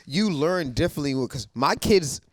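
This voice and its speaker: A man's voice: fairly high pitch, expressive, moderate pace, slight background noise. A man in his thirties telling stories about raising his kids in a casual group talk, emphatic and repetitive. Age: 30s. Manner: emphatic storytelling, repeats points. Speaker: guest father.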